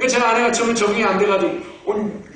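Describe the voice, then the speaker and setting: A pastor in his fifties preaches in a storytelling way, often putting questions to his listeners. His fairly high voice rings through a very echoey church, picked up from some distance over a faint hiss. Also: fairly even intonation, brisk, fairly bright tone. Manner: storytelling, asks the congregation questions. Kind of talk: sermon. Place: church sanctuary.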